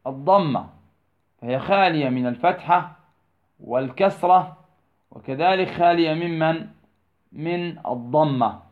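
Slow, questioning teacher on a tinny line. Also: male voice, on the high side. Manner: asks rhetorical questions and answers them himself, repeats key words; slow, drawn-out phrasing. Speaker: Quran recitation teacher. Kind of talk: tajweed lesson, explaining verses of a poem. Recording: tinny phone-like recording.

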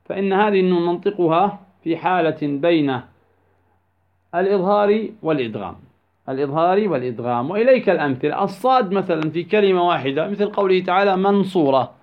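A man teaching a tajweed lesson, asking questions and answering them, and stretching example words out slowly. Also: high voice. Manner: asks prompting questions then answers them. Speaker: Quran recitation teacher. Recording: dull lo-fi recording.

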